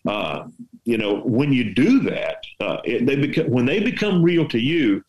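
An unhurried, sing-song man with a medium-pitched, darkish voice and a Texas accent chats casually about writing. He's a veteran storyteller and artist from West Texas, rambling in a folksy manner and throwing out rhetorical questions. The recording is low quality.

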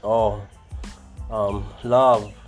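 A man's voice: on the low side, flat delivery, drawn-out words, soft background music. A man with speech shaped by missing front teeth, joking boisterously and swearing as he trades riddles casually with friends.

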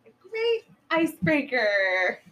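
A woman in casual chat, excitedly retelling a film plot with lots of laughter and casual swearing. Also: high voice, slow. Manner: giggly, animated storytelling, swears casually. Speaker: podcast guest.

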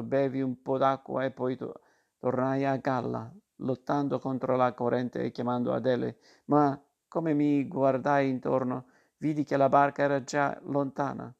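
Man, story reader, gravelly voice, flat even delivery, calm and measured. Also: medium pitch. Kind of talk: audiobook reading of a literary story.

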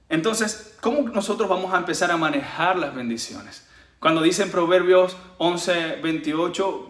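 A man's voice: fairly high pitch, fairly bright tone, echoey room. A man from preaching a sermon as a pastor, earnest and chuckling between points.

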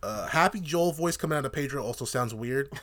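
A man's voice: mid-range voice, fairly quick. A young man co-hosting a podcast, ranting in casual, profane, joking TV review chat. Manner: animated, profane, joking rants. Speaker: podcast co-host.

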